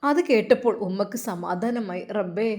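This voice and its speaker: A woman's voice: medium pitch, moderate pace, a little mellow. A woman narrating a dramatic religious story in an emotional way.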